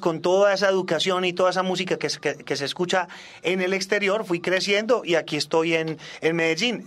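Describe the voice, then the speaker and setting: This is a man in his forties, a native English speaker from Australia, appearing as a guest on a radio interview; he's a salsa singer and trombonist chatting casually. His voice is on the high side with a fairly bright tone.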